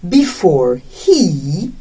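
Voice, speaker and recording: A woman teacher reading a text aloud as a dictation in deliberate short phrases, speaking the punctuation. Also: sits low, sing-song, warm tone, slightly rough, recorded from a distance, rough recording.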